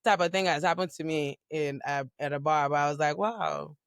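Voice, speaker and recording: A woman from Nigeria, a guest on a podcast, chatting casually and telling lively stories while acting out what people said. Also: low voice, fairly quick, creaky, clean tone, dry recording, clean studio sound. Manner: lively storyteller who acts out quoted speech. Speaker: guest, content creator and bartender. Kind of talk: casual conversation.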